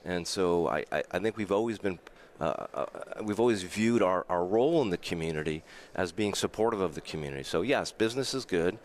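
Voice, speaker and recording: Low-pitched, animated and brisk with few pauses, a New York-accented man from the Bronx speaks as a radio guest. A hotel general manager, he tells history with many stammered restarts.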